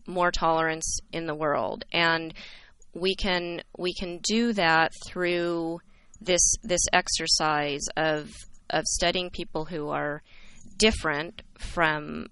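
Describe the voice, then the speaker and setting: A woman's voice: low-pitched, fairly even intonation, slow, a bit bright, a little hiss or hum, rough recording. A woman from California, a history instructor answering interview questions in an earnest, reflective way.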